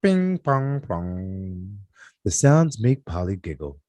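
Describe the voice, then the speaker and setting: At a table read, a man reads the screenplay's stage directions in a very low, husky voice that is dark and mellow, though his pitch moves in a lively way. He goes slowly, occasionally stumbling over a word and correcting himself. There is no echo.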